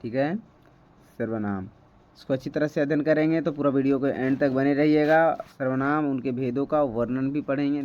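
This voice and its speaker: Man, teacher, grammar lesson, repeats terms, slightly high voice, dull recording. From India. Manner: repeats key terms, frequent "ठीक है" checks.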